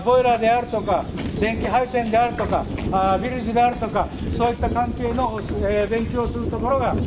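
A man with an extremely high-pitched voice gives a folksy guided-tour explanation on open outdoor grounds, full of drawn-out fillers, frequent tag words and anecdotes. He's recorded by a camera a few steps away, with clear ambient noise typical of outdoor camcorder audio.

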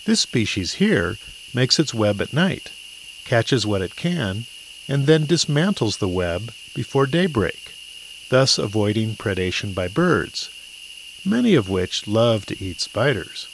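A man's voice: fairly low pitch, big pitch swings, a little slow, slight background noise, poor audio. A man narrating a scripted nature documentary with an informal, wryly playful manner.

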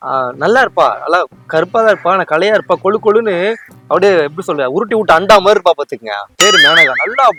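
A man with a Tamil accent, talking in hidden-camera prank banter on a park bench outdoors, complaining and ranting loudly. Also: sits high, lively intonation, quick pace, loud music behind the voice. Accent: Tamil Nadu.

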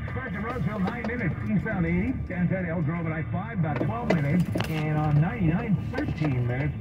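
A man's voice: sits high, animated, a little fast, dull audio. A man giving a conversational, slightly hesitant traffic report on the radio, with sponsor reads. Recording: thin car radio, loud music behind. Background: music and vehicle noise.

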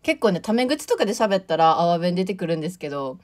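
A woman's voice: lowish voice, big pitch swings, quick pace, darkish tone. A young woman in her late teens from Tokushima with a Kansai accent and a touch of Awa dialect, chatting casually on a livestream and reading out viewer comments with a bubbly, laughing manner. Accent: Kansai Japanese with Awa dialect touches. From Tokushima, Japan. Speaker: idol audition livestreamer.

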